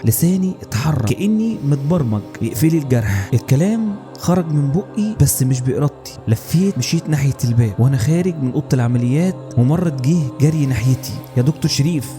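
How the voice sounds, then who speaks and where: A man's voice: mid-range voice, animated, quick pace, over music. A man with an Egyptian accent narrating a first-person horror story in a tense, scripted delivery. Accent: Egyptian Arabic.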